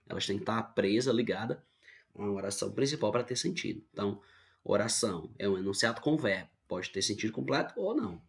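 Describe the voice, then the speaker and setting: Brazilian male teacher, low gravelly voice, patient explainer for an online class. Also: animated, fast. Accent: Brazilian Portuguese. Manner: explains patiently, keeps checking with "tá bom?". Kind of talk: online grammar lesson.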